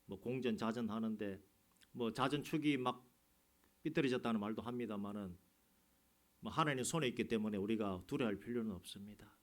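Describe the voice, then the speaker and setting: A man preaching a sermon as a church pastor, climbing to loud, emphatic peaks and then dropping low and quiet. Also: fairly quick. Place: church sanctuary.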